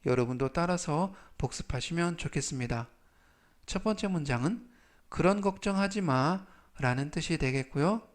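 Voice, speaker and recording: A man teaching English vocabulary in a slow, deliberate lesson. He has a Korean accent and reads each word three times with clear enunciation. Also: fairly high pitch.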